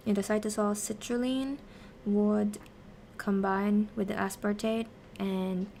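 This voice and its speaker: Casting: female streamer-tutor, mid-range and fairly even voice, casual self-directed explanations, some background noise. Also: medium pitch, gravelly. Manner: talks to herself while working through answers. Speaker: streamer teaching biochemistry. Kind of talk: casual study-stream explanation, question and answer.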